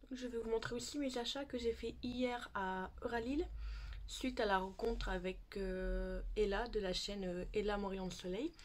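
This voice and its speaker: Brief: woman beauty vlogger, chatty and relaxed, middle pitch, noisy home recording. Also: moderate pace. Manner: chatty, showing products to camera. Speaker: beauty YouTuber. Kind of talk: casual haul vlog.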